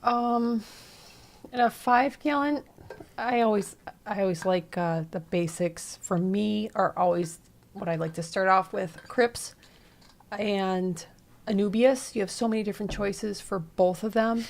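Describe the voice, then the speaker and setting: A woman's voice: mid-range voice, a little slow, gravelly. A woman co-hosting a casual live stream, easygoing and a little rambling as she gives suggestions. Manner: easygoing, rambling with fillers and restarts.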